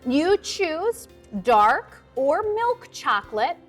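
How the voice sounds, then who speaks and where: A woman hosting live home shopping TV, chatty and upbeat, pitching products and reading out item numbers and prices. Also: very animated, drawn-out words, faint music behind. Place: TV studio.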